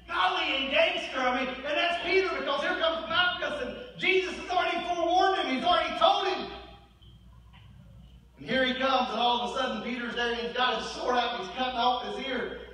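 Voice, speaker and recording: A male pastor preaching a sermon, swinging between loud peaks and low murmurs. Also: fairly quick, slight background noise. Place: large church sanctuary. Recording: echoey room, heard from far off.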